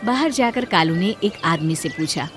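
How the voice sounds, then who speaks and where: A woman narrating a children's cartoon story in a steady storytelling manner. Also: mid-range voice, normal speed, faint music behind. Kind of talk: scripted narration.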